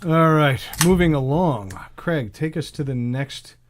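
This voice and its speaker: A man's voice: a little high, a little slow, heavy background noise. A man with a New York accent co-hosting a podcast, joking and steering the segments. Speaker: podcast co-host. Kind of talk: casual chat.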